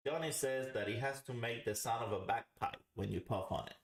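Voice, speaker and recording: Hosting a casual live pipe tobacco review, a man explains things in a rambling way, repeating himself for emphasis. His pitch is medium and his pace a little fast. The home recording is roomy and echoing.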